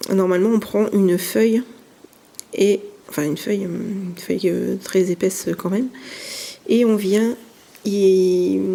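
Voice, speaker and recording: Soft-spoken woman showing crafts. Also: mid-range voice. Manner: hesitant, many fillers and restarts; soft-spoken, drops to near whispers. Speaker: scrapbooking YouTuber. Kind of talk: casual show-and-tell.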